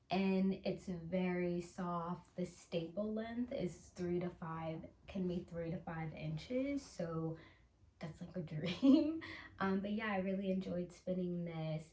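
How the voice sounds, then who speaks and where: Slow-talking woman in an echoey room. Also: fairly low pitch. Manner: unhurried, chatty, with soft laughs and fillers. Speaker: channel host. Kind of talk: casual show-and-tell vlog.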